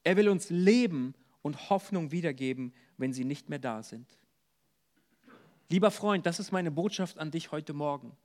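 A man preaching an earnest sermon at a church service, dropping soft and low for words of comfort. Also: expressive, normal speed. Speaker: pastor.

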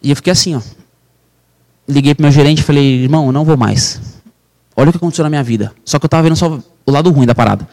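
Speaking very fast in a slightly mellow, highish voice, a real estate broker from Brazil shares a moving personal story as a podcast guest. He is intense and fervent, addressing the listener as "irmão".

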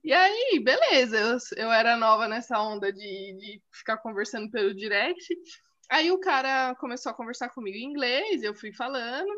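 A woman co-hosting a casual podcast chat, telling stories in a lively way. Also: on the high side, moderate pace. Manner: lively storyteller. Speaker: podcast co-host. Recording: dull lo-fi audio.

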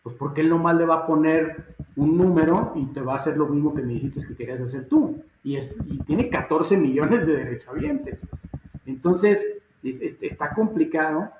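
A man's voice: on the high side, lively intonation, normal speed, a little mellow, roomy sound, slight background noise, rough recording. A man with a Mexican accent, a guest in a casual interview, talking emphatically and informally. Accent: Mexican Spanish. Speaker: guest, housing executive.

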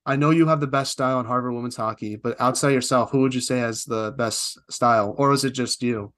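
A young man hosts a casual sports podcast. He has an easygoing, slightly halting way of talking and a mid-range pitch, and he leans on "uh" and "sort of" often. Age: young adult. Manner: relaxed, hesitant, frequent "uh" and "sort of". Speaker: podcast host. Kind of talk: casual interview chat.

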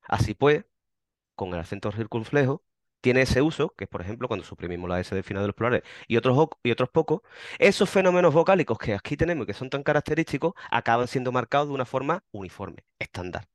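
A man's voice: medium pitch, expressive, fast talker, no echo. A man from western Andalusia with a western Andalusian accent, answering interview questions in a patient, teaching way with self-deprecating asides. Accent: western Andalusian Spanish. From western Andalusia, Spain. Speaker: interview guest, member of a volunteer group.

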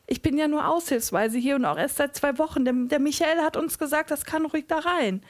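A woman's voice: high voice, brisk, pitched above the performer's own voice, natural voice. A woman reading aloud voices a timid, tearful kitchen helper in her seventies. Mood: whimpering. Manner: small, whimpering.

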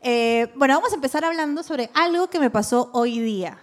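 A woman's voice: high voice, fairly quick. A woman with a Peruvian accent co-hosting a podcast recorded live, telling stories in casual, slangy talk and acting out what people said. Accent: Peruvian Spanish. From Peru. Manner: animated, slangy, acts out quotes. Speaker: podcast co-host. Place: live recording before a small audience.

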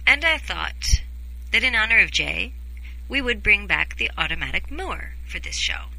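A woman's voice: medium pitch, very animated, normal speed, gravelly, sharp tone, low-quality recording. A woman hosting a podcast in a casual, chatty co-hosted style. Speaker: podcast host.

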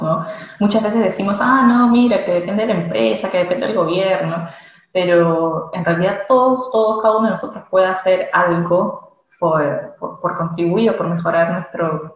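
A woman from Peru, a guest speaking thoughtfully in a casual interview, often restarting and adding tag questions. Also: fairly low pitch. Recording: very echoey, dull lo-fi sound.

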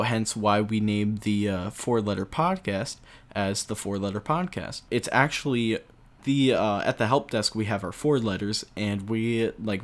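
Young man, podcast host, casual solo chat, rambling, chuckling, filler words. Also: lowish voice.

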